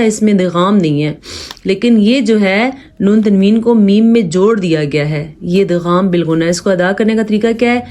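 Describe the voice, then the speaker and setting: A woman with a Pakistani Urdu accent gives a patient, step-by-step Quran recitation lesson. Her talk is plain and explanatory, and she slows down to draw out the recited verses as examples. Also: mid-range voice, a little mellow.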